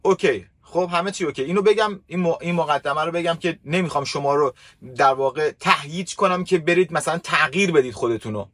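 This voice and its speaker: A man explaining his views in casual conversation, measured and self-assured. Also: fairly high pitch, fairly bright tone. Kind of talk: casual chat.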